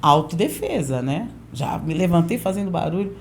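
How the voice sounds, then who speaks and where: A woman pastor in her forties, a podcast guest telling a lively testimony and acting out the voices of people in it. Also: fairly low pitch, normal speed, creaky, faint music behind. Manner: lively storyteller who acts out quoted voices. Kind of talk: storytelling testimony in a podcast interview.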